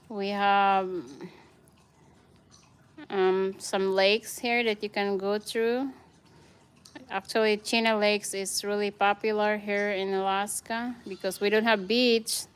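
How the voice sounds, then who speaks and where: This vlogger mom from the Philippines has a clear, resonant mid-range voice that's slightly bright. Speaking in a Filipino accent, she casually tours her home on camera and says hello to viewers by name.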